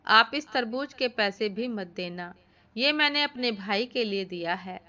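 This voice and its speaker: A woman voicing a kind young girl selling watermelons, speaking gently and affectionately in a storybook reading. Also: on the high side, lively intonation, unhurried. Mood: gentle. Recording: dull lo-fi recording.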